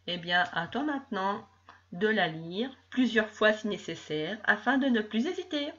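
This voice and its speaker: A woman teacher giving a reading lesson to young children, reading syllables and words slowly and clearly and explaining patiently. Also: mid-range voice, animated, a bit bright, dull audio. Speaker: first-grade teacher.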